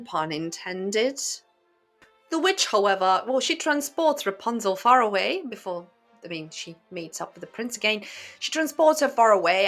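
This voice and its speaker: Hosting her book and fairy tale commentary channel, a woman talks to her viewers casually, sounding hesitant and wry and slipping in rhetorical asides. Her pitch sits in the middle and her tone is a bit bright.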